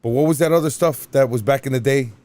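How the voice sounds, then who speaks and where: A man's voice: medium pitch, fast, mellow. A man hosting a casual podcast chat, joking and teasing his guest.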